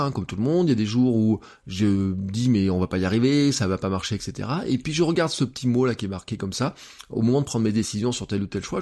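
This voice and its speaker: A man's voice: mid-range voice, darkish tone. A man in his thirties hosting a solo podcast, talking to listeners in a loose, conversational way with many fillers. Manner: conversational, full of fillers, addresses listeners directly. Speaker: podcast host. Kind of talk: casual solo podcast monologue.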